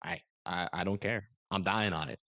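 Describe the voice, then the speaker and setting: A man's voice: deep voice, steady tone, moderate pace, sharp tone, dry recording. A man co-hosting a podcast in casual chat, joking, laughing often and stubbornly arguing his point. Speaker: podcast co-host.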